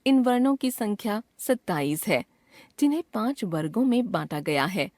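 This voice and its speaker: A woman's voice: mid-range voice, lively intonation, a little mellow, dry recording, studio quality. A woman reading out a scripted grammar lesson as a teacher, carefully drawing out each sound she names. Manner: slow, careful, drawn-out enunciation of sounds.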